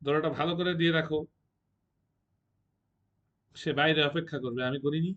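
A drunken young warrior sneers and taunts in a low, soft murmur, as a man reading a play puts him on. The mocking lines come slow and slurred. The recording sounds dull and lo-fi. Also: fairly even intonation, natural voice. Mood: drunken taunting.

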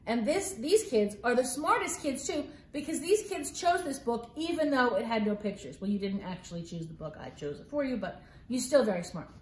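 A middle-aged woman gives an animated reading of a children's picture book, hamming it up with mock-exasperated asides. Her slightly high voice has lively intonation and a fairly quick pace. The audio comes from a phone camera a few feet away in a living room and has a roomy, home-video quality.

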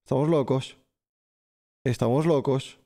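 A man doing live gameplay commentary, excitable, swearing and shouting at the game while talking to his chat. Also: mid-range voice, a little slow. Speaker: streamer. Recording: game music behind the voice.

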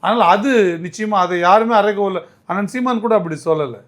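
A man's voice: sits high, brisk, fairly bright tone. A man answering as a political commentator in an interview, arguing emphatically and often restarting his words.

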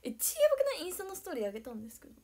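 Bubbly high-voiced young woman streamer. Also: very fast. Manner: excitable, giggly, thanks viewers by name. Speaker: idol livestreamer. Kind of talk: casual livestream chat reading viewer comments.

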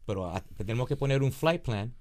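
A man's voice: medium pitch, lively intonation, a little fast, darkish tone. Male explainer, mid-range voice, informal and repetitive, bilingual phrasing, small podcast studio. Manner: mixes English phrases into Spanish, repeats himself. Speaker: aviation commentator. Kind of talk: informal explanation of radio traffic. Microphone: boom-arm studio microphone, headphones.

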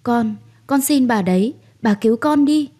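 A woman's voice: a little high, expressive, a little slow, dark tone. A woman voicing a desperate young pregnant servant who begs tearfully for mercy, reading an audio story. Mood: pleading. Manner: tearful, begging.

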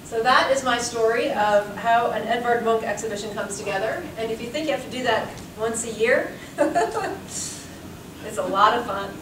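A fairly high-pitched woman in her forties speaks at normal speed, a curator giving an anecdotal lecture with plenty of chatty asides and laughter. It's recorded before an audience in a seminar room by a distant room mic, resulting in echo and background hiss.

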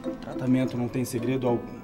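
Casting: male actor as a calm young Brazilian doctor, mid-pitched, patiently explanatory, telenovela drama, music behind. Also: quick pace, close to an everyday voice. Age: young adult. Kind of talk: telenovela acting. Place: indoor television drama sets.

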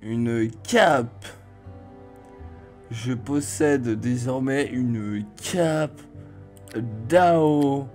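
A man playing a video game and commenting as he goes, reading dialogue aloud and joking, with sudden loud exclamations. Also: mid-range voice, drawn-out words, pauses often, faint music behind. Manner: chatty, jokey, exclaims loudly in surprise. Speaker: let's play host.

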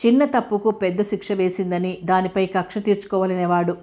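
A woman's voice: mid-range voice, steady tone, a little fast, dark tone, natural voice. A woman reading the part of an ashamed, troubled young woman in an audiobook, in an earnest, pleading voice. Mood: subdued.

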